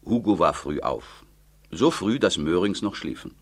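Man reading a novel aloud, deep voice, lively melody, bit of fry. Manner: measured, expressive reading. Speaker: narrator. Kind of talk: audiobook narration.

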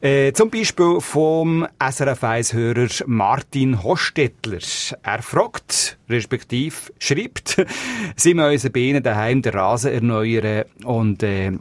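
A man's voice: medium pitch, animated, takes it slowly, no echo. A man with a Swiss German accent hosting a radio advice show, reading out listener questions in a chatty, joking manner. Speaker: radio host. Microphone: studio microphone.

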